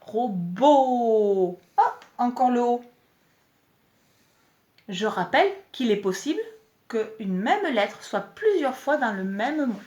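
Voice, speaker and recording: Woman teacher talking to little kids, slow and careful, voice goes way up and down, encouraging. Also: a little high, sing-song, a little mellow. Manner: slow, clearly articulated, encouraging teacher talk. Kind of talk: home-schooling lesson video for young children.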